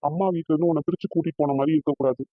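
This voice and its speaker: A man voicing a loving young fiancé in a cartoon, gentle and reassuring. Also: on the high side, fairly even intonation, no echo, phone-quality sound, lightly acted. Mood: earnest. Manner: gentle, reassuring, fast-talking. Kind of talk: cartoon voice acting.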